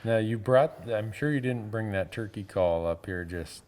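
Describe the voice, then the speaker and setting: A man's voice: lowish voice, normal speed, darkish tone. A man interviewing in a casual, folksy, informal chat style.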